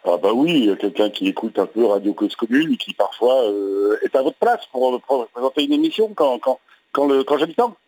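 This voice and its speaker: Male caller heard over a phone line, casual and halting, restarts phrases, dry close sound, mid-pitched. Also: expressive, darkish tone, no room sound. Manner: halting, repeats words while searching for phrasing. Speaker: caller and occasional host on the station. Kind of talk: casual radio call-in chat.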